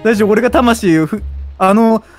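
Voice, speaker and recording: Man, high voice, playful gaming banter, startled cries, music underneath. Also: moderate pace, darkish tone. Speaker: gaming video player. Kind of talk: casual bantering chat while playing a game.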